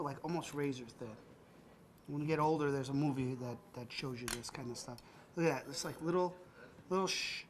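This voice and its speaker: A man's voice: fairly high pitch, a bit bright, a little hiss or hum. Joking man teaching a child to cook. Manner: joking, laughs often, talks to a child as "buddy". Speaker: cooking show host. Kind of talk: teaching kids to cook, playful banter.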